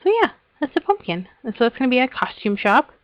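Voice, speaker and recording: A Minecraft server host gives a tour of her game world in a casual, rambling vlog. She has a fairly high, sing-song voice and talks fast, chatty and giggly, often trailing off and restarting sentences. The recording is muffled, with no echo.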